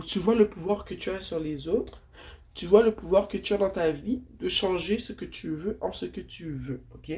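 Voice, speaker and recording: A woman's voice: mid-range voice, warm tone. A woman with a blocked, sniffly nose and a nasal voice chats casually and affectionately to viewers as a tarot reader giving spiritual guidance. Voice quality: congested, nasal. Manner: informal, affectionate address to viewers.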